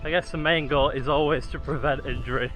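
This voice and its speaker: A man's voice: a little high, steady tone, a little fast, fairly bright tone, low-quality recording. A man chatting casually to his viewers while he jogs outdoors. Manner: talking while jogging. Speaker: running vlogger. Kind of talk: casual vlog talk to viewers. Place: outdoors, on a run.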